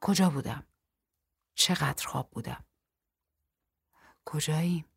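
A woman narrating a first-person novel in a measured, even storytelling manner. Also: sits low, creaky, husky, no echo, studio quality. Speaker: audiobook narrator.

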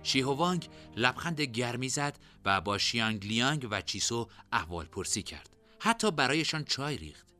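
Man, novel narrator, expressive, lively pitch, bright tone. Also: hardly any pauses, soft background music.

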